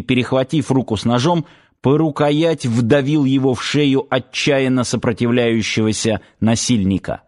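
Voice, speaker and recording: A man's voice: mid-range voice, darkish tone. Man narrating a tense audiobook. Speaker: audiobook reader.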